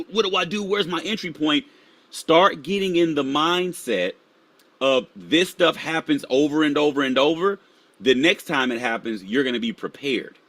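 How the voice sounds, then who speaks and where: There's no echo on this clip of a man whose voice is a bit bright. He's hosting a live stream, casually explaining market charts to viewers as he pulls them up, and his voice drops to a low mutter whenever he's searching for the next chart.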